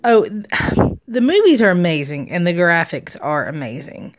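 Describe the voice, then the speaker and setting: Hosting a stitching livestream, this Southern American woman in her thirties reads viewer comments aloud, keeping things casual and laughing a lot. She sounds very animated, with a fairly low voice and a slightly slow delivery.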